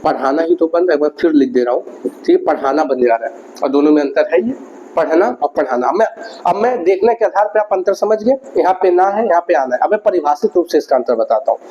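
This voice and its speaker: A man's voice: a little high, expressive, fast, warm tone. A man giving a grammar lesson, often repeating key words and putting questions to his students. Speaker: teacher. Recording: dull lo-fi recording with faint noise.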